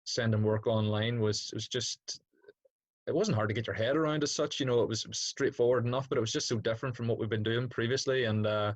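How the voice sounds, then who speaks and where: A young Derry man with a Northern Irish accent, a secondary school PE teacher, answers interview questions casually and reflectively while hesitantly feeling out his thoughts. His mid-range voice keeps a steady tone at a quick pace, with no echo in the audio.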